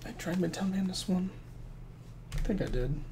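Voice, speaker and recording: A man's voice: sits high, moderate pace, dark tone, slight background noise. A man in his thirties chatting casually on a live stream as a game developer, rambling and joking at his own expense. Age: 30s. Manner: joking, rambling self-mockery.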